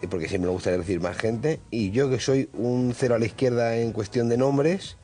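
A man's voice: medium pitch, a little fast, mellow, slightly rough, faint music behind. A man hosting a radio travel show in casual studio chat, rambling and full of hesitations.

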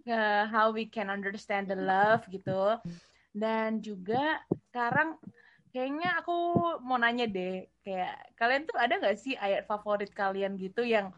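A woman's voice: fairly high pitch, a bit bright. Chatty young woman, lo-fi sound. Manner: chatty, mixes English phrases, many fillers. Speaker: podcast co-host. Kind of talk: casual faith chat. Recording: dull lo-fi recording.

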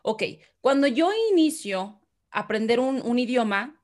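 Unhurried and a little mellow, this woman's fairly high voice carries a Mexican Spanish accent. A chatty guest speaker, she explains things conversationally by asking her listener questions, with occasional restarts.

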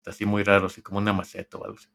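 A man with a Mexican accent tells a story to his friends in a podcast chat. His voice sits a little low. He rambles and stops to find his words, and he drops slang and swearing along the way. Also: completely flat delivery, very fast, vocal fry, a bit bright. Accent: Mexican Spanish. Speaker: podcast co-host. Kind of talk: casual storytelling among friends.

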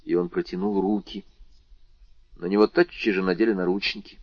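Guy reading an audiobook, low voice, super expressive, dry muffled lo-fi sound. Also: brisk, no echo. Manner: dramatic, expressive storytelling. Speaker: narrator. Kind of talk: audiobook narration. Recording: dull lo-fi recording.

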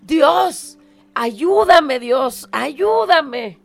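A desperate male climber who cries out and begs for help, higher and louder than the teller's usual voice, played by a woman. He pleads over faint background music. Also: animated, takes it slowly, vocal fry, heavily acted. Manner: pleading, crying out.

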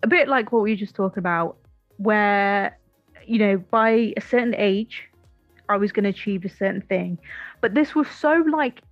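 A woman's voice: mid-range voice, normal speed, no echo, muffled recording, faint music behind. A woman in her twenties co-hosting a podcast in casual chat, swearing freely and filling her talk with "like". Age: 20s. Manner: chatty, swears freely, lots of "like" fillers. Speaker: podcast co-host.

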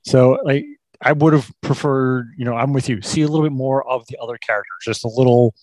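A man's voice: mid-range voice, steady tone, brisk, a little mellow, no echo. An easygoing man chatting on a film podcast, agreeing readily with his co-host. His voice is a mid-range male voice, recorded dry and close with no room sound. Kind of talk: casual movie review chat.

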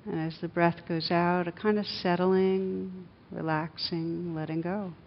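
This female meditation teacher leads a group in a room, her fairly low voice calm, soothing and measured as she gives instructions in short phrases with pauses. The lo-fi capture is dull, with background rumble that comes through clearly.

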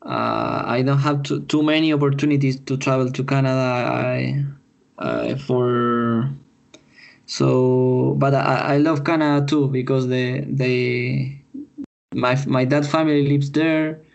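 A Chilean man with a Spanish accent, a footballer answering podcast interview questions in English, halting and repeating words as he searches for them. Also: medium pitch, steady tone, vocal fry, highs cut off. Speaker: footballer guest.

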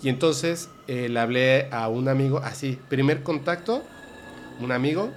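This casual podcast chat features a Mexican-accented man who animatedly relays exchanges with friends, quoting what they said. He has a medium pitch and normal speed, with slight background noise.

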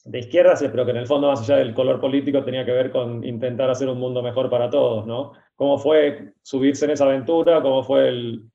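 Man in his forties, from Argentina, rapid speech, slightly muffled recording. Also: mid-range voice, steady tone, gravelly, warm tone. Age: 40s. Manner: fast, stammering restarts. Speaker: guest writer. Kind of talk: interview. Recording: slightly dull, muffled sound.

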